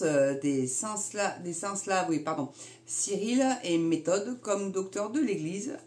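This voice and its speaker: A woman's voice: lowish voice, a little mellow. A woman hosting her own video channel, giving a casual talk from her notes with many fillers and self-corrections, and chatty asides to viewers. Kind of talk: casual explainer reading from notes.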